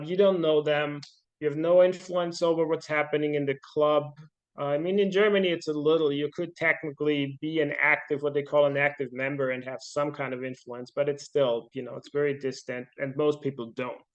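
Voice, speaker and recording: A man's voice: on the high side, a bit bright, lo-fi sound. A middle-aged man from Austria, a podcast guest talking casually and thoughtfully, with many fillers and restarts. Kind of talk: casual interview talk.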